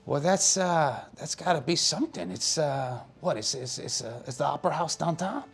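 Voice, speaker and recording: A man's voice: on the high side, moderate pace, gravelly. Man playing a bashful, stammering driver. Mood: bashful, admiring. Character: friendly, awkward driver in his mid-thirties.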